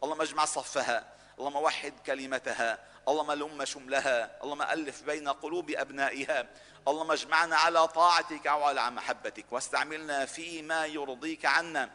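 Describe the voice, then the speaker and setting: Male preacher, bright ringing voice, chanted supplications in a reverberant mosque hall. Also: fairly high pitch, fairly even intonation, a little fast. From Lebanon. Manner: chanted supplication, rising in intensity. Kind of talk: Friday sermon closing prayer.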